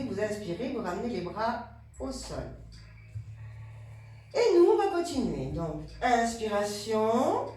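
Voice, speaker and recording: A woman teaching a pilates class, calmly cueing breath and movement and repeating words slowly. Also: medium pitch, far from the mic. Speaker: pilates instructor. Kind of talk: guided exercise class instruction. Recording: echoey room, voice from afar, music behind. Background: background music.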